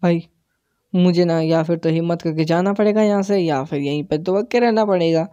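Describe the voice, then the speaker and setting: A man giving live gameplay commentary for his channel, tense and excitable, dropping English words into his play-by-play. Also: fairly high pitch, normal speed, clean tone, no echo, lo-fi sound. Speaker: gaming channel host.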